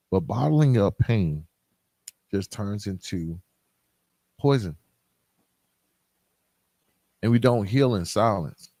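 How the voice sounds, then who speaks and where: Speaking to his listeners as though giving a motivational monologue, this podcast host is candid, emphatic and streetwise in his colloquial phrasing. His voice sits low with a darkish tone, and no room sound is audible.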